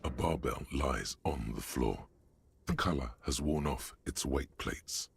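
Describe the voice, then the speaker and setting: A grave, commanding narrator of a video game. His voice sits extremely low and moves with lively swings of tone. His delivery is deliberate and dry, with a faint hiss behind it. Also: vocal fry, heavily acted. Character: grave omniscient male narrator, terse and commanding.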